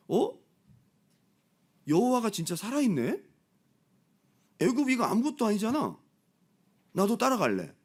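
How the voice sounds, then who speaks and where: Animated Korean pastor, lively high voice. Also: male voice. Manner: animated, acts out crowd voices and quotes. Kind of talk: Bible study sermon. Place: church.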